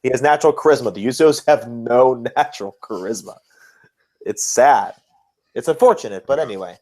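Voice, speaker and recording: The speaker is a man co-hosting a casual wrestling podcast, talking at a brisk clip in a medium, slightly mellow voice. Blunt and critical, he keeps repeating phrases to hammer a point home.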